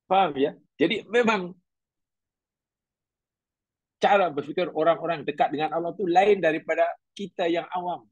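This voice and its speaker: Middle-aged guy giving a religious class, husky voice, dry close sound, chatty and storytelling. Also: a little high, normal speed, pauses often, no room sound, highs cut off. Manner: conversational, questioning the audience, storytelling. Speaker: religious teacher.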